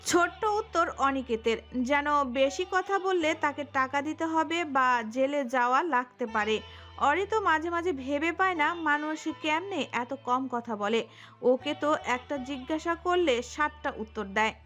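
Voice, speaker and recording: A woman narrating a romantic audio story in an expressive storytelling manner. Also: high-pitched, a little slow, soft background music.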